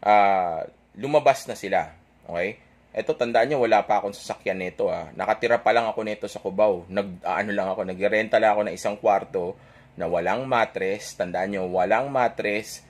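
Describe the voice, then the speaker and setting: A man's voice: on the low side, fairly quick. A young man telling an audience a dating story in a casual, rambling way, correcting himself and checking in with "okay?" after nearly every point. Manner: chatty, rambling, self-correcting.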